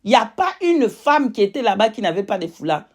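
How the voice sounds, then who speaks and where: Her fairly high voice has a sing-song lilt as this woman testifies about her faith in French, a language she speaks with a foreign accent. She is emphatic and repetitive, occasionally hunting for words.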